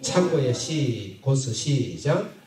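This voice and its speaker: Korean pastor preaching in an echoey hall. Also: male voice, mid-range voice, very animated, distant mic, very noisy. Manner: halting, repeats phrases, asks the congregation questions. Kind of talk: sermon with Bible reading.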